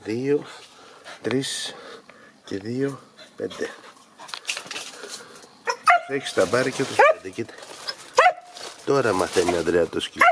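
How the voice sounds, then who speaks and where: A man's voice: fairly low pitch, pauses often. A man training hunting dogs outdoors, explaining his methods in an instructive, emphatic way. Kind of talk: explaining to camera while working dogs. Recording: loud outdoor noise with barking dogs. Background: dogs barking.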